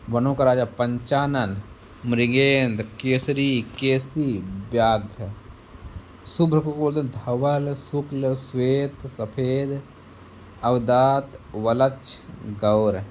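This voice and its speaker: A man's voice: mid-range voice, steady tone, a little mellow, slight background noise. A man teaching an exam-prep Hindi lesson, reading out lists of synonyms one word at a time and asking the class quiz questions. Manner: slow, word-by-word listing with quizzing questions.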